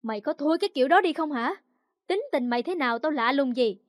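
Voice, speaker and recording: A woman storyteller puts on a stern, dismissive middle-aged father who berates his daughter with scorn. The voice sits high and close, on a dry recording with no room echo. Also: expressive, fast talker. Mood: angry. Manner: scolding, contemptuous.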